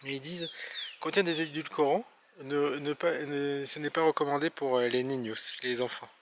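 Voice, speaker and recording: A man's voice: a little high, steady tone, moderate pace, a little hiss or hum. A man chatting casually on a travel vlog, hesitant, with many fillers and restarts. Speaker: travel vlogger.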